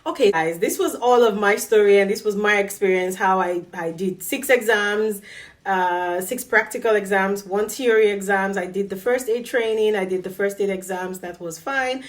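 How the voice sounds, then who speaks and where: A woman vlogger tells a personal story straight to camera in a relaxed, chatty way. Her voice sits at an ordinary middle pitch, and she laughs often as she acts out what people said to her. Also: moderate pace, distant mic.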